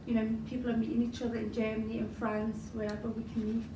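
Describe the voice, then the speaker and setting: A fast-talking young woman with a high-leaning, fairly level voice answers interview questions, chatty and full of you-knows and fillers. She is a spoken word poet from Liverpool with a Scouse accent whose first language was Arabic. The audio comes from a distance in a large, noisy, roomy hall.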